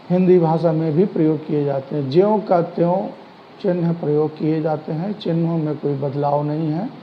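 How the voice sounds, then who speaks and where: A man teaching a grammar lesson to schoolchildren, explaining slowly and deliberately. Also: a little high, slight background noise. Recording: dull lo-fi sound with faint ambience.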